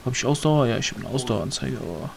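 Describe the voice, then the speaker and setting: A man's voice: medium pitch, lively intonation, fast talker, vocal fry, crowd noise. A man casually commenting on a game as he plays, rambling, muttering to himself and grumbling a little. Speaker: let's player.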